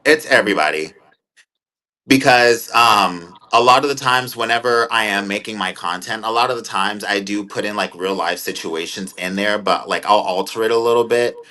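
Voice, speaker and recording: A man in his twenties, a content creator appearing as an interview guest, talks casually, rambling and thoughtful with many fillers. His voice is lowish, at normal speed, with a bright, forceful tone.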